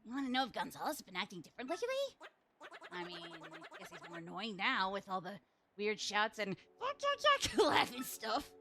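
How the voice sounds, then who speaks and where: A woman's voice: mid-range voice, sing-song, normal speed, bright, forceful tone, soft background music. A woman voicing a chatty teenage girl sidekick in a video game, bubbly and gossipy.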